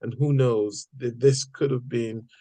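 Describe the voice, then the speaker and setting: A man leading a church Bible study group, talking in a halting way with many fillers and repeated words. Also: mid-range voice, fairly even intonation, dark tone, dry recording. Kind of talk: casual group discussion. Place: church meeting room.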